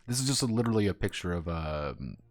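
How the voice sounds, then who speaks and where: Live streaming as a game designer, a man with a low, sing-song voice talks fast. He rambles casually, alternating between reading draft text aloud and making chuckling asides.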